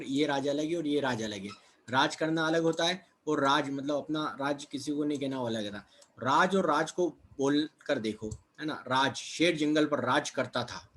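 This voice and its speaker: With a mid-range, somewhat bright voice, a man leads a children's textbook lesson, asking questions before answering them himself. Words get repeated alongside small check-ins like "है ना" and "ठीक है".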